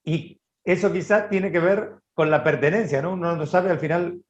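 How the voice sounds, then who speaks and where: A man's voice: a little high, moderate pace. A man from Argentina with an Argentine accent, hosting an interview and reflecting on his own experience. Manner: reflective, speaks from personal experience. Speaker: interviewer, actor. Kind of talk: conversational interview. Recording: roomy, dull audio.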